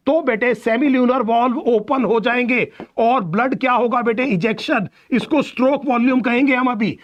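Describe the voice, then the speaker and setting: A man teaching biology in a live online exam-prep lecture, who explains step by step, asks the students questions and answers them himself, and slows down for English phrases. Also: very high-pitched, fairly bright tone. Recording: dull lo-fi audio.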